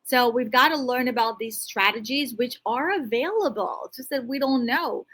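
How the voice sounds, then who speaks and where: Her pitch is fairly high and a bit bright, and she keeps a moderate pace. Speaking off the cuff in an interview, this financial coach addresses the listener with emphatic, motivational advice, sometimes breaking off a thought to start again.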